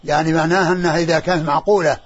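A man, a sheikh, explaining texts in a scholarly lesson, speaking haltingly with many restarts and repeated syllables. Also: fairly high pitch, fairly even intonation, breathy edge, highs cut off. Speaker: sheikh teaching hadith.

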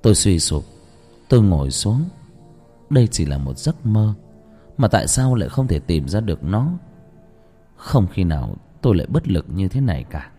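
A man narrating a first-person ghost story dramatically, at times shouting in anguish. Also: on the low side, slightly rough. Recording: reverberant with background music.

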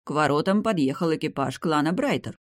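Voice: medium pitch, expressive, a little fast, dry recording, studio quality, lightly acted. A reader voicing a deferential, polite male butler. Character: humble bowing male butler.

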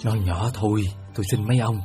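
A man's voice: fairly low pitch, steady tone, quick pace, warm tone, faint music behind, close to an everyday voice. A man playing a sly runaway god in beggar's rags. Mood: secretive. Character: heavenly god disguised as old beggar, playful, secretive. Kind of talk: radio play acting.

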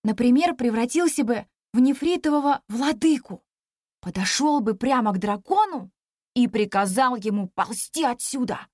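A woman doing a lively monkey boy, eager and boastful, high and bright, dry sound. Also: moderate pace, no room sound. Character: excitable monkey boy, son of monkey king.

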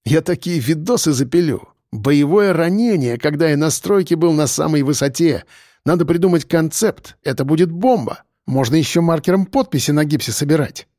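A man's voice: fairly high pitch, animated, moderate pace, warm tone, no room sound, studio quality, close to an everyday voice. A man reading an audiobook voices a brash fourteen-year-old boy who brags and talks back. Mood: excited.

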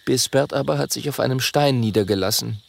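A man narrating a children's audiobook in an expressive, animated way. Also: mid-range voice, a little fast, gravelly, a little hiss or hum.

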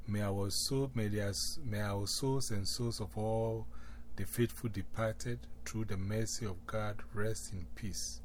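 Slow, low-voiced man reading prayers. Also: fairly even intonation. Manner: slow, measured, solemn reading with pauses. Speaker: prayer leader.

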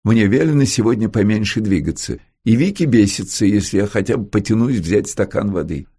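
A man's voice: on the low side, lively intonation, fairly quick, mellow, husky. A man voicing a frail, terminally ill young man who jokes lightly about his illness. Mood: eager. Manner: joking, lightly mocking.

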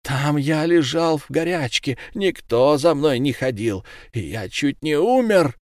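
A man voicing a vicious, gloating male fishmonger in a storybook reading, with shrill, spiteful, drawn-out shouting. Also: animated, dry recording, studio quality. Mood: pleading.

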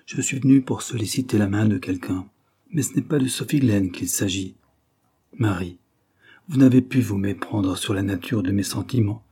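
A man voicing William, an earnest young man in love, in an audiobook, speaking in a sincere, low-key way. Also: moderate pace, dark tone, slightly rough.

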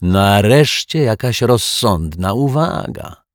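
A man voicing a smug, sneering villain in a children's audiobook, with a mocking, drawn-out delivery. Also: fairly low pitch, lively intonation, no room sound, studio quality, pitched above the performer's own voice. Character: sneering pale male lout, smug villain.

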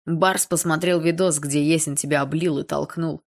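A man's voice: on the high side, steady tone, moderate pace, creaky. Woman doing a cocky slangy teen boy, smirky. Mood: smirking. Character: cocky teenage schoolboy, street tough.

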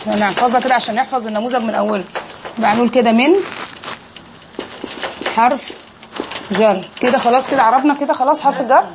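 A woman's voice: fairly high pitch, steady tone, quick pace, long pauses, noisy background. A woman with an Egyptian accent teaching an Arabic grammar lesson in a classroom, quizzing her students and drilling them on each answer.

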